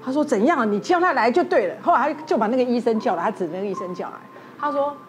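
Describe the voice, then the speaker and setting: Female doctor, high bright pitch, fast lively telling, noisy studio background. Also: faint music behind. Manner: quotes an old patient in her dialect-flavoured speech. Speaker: doctor guest. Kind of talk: telling a ghost story on a TV talk show. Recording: studio with steady background noise.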